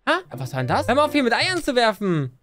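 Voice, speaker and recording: A woman giving excitable gameplay commentary, often shrieking and laughing at what happens on screen. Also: fairly high pitch, fast talker, a little hiss or hum. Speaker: let's-play gamer. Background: game music.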